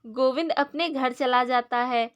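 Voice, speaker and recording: Reading a moral children's story from a script, a clearly high-voiced woman narrates at a slightly slow pace. The audio sounds somewhat dull.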